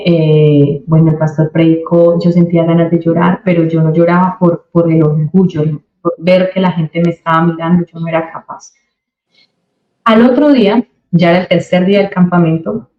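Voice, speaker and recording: A woman's voice: fairly low pitch, reverberant, narrow, tinny audio. Young woman telling her testimony. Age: young adult. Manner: animated storyteller who acts out quoted dialogue. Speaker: interview guest. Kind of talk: personal faith testimony.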